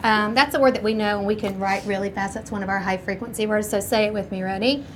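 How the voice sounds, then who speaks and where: A primary school teacher leads an interactive writing lesson, prompting the children with instructions and questions in a steady, quick-paced mid-range voice. The classroom is noisy, with room sound and young children audible behind her.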